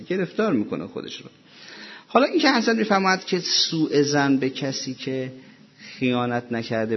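Man, sermon, religious lecturer, husky voice, rhetorical questions, muffled lo-fi sound. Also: medium pitch.

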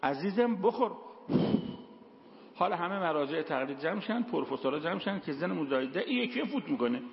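Male preacher, fairly high and gravelly voice, storytelling sermon, echoey hall, dull lo-fi recording. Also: lively intonation. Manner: storytelling, quotes Quranic verses. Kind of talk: sermon with told anecdotes.

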